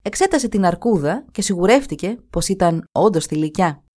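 A woman storyteller reading a folk tale aloud in an expressive storybook style. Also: lowish voice.

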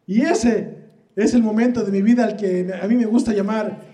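High-pitched Mexican male comic, crude slangy stand-up, live echoey club. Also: steady tone, normal speed, dark tone. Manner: crude, rambling, lots of slang and swearing. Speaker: stand-up comedian. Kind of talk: stand-up comedy routine. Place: comedy club stage. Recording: echoey live venue with audience.

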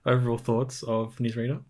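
A man's voice: medium pitch, a little mellow. A man with an Australian accent hosting a casual podcast, teasing his co-host in playful banter. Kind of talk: casual chat.

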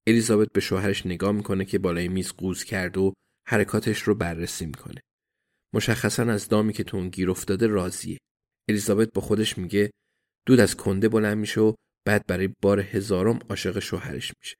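A man narrating an audiobook in a measured, even reading. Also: on the low side.

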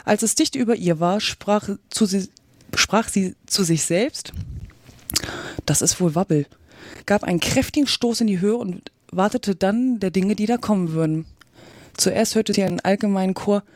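A woman narrating a storybook in a steady, even reading voice. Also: medium pitch, normal speed, no room sound. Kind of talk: audiobook reading.

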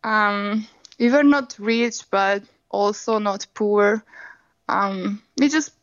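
A woman's voice: medium pitch, no echo. A woman in her twenties with a Hungarian accent, answering interview questions over a phone line in a matter-of-fact way. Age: 20s. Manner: unhurried, matter-of-fact, simple non-native phrasing. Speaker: guest.

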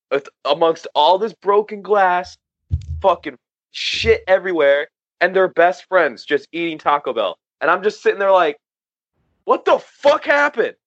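A man's voice: high voice, unhurried, dry recording, muffled recording. Profane laughing man telling a story. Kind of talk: casual storytelling chat.

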